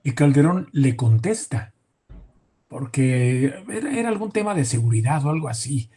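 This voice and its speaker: A man hosting a casual interview, sharing an anecdote in an unhurried way. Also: mid-range voice, animated, dark tone, slightly rough. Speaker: host.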